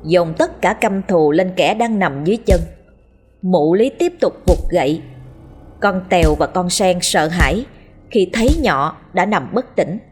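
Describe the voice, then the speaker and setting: A woman's voice: on the low side, animated, unhurried, soft background music. A woman narrating a horror story in a dramatic storytelling manner.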